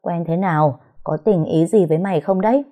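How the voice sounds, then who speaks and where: A woman voicing a young female friend who chats and teases quickly. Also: lowish voice, mellow, natural voice. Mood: teasing. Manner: quick, teasing.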